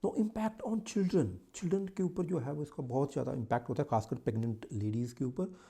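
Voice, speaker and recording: Brisk and husky, with a warm, creaky mid-range tone, an Indian-accented man delivers an exam-preparation lecture. He blends English words into Hindi and keeps restating and correcting what he says.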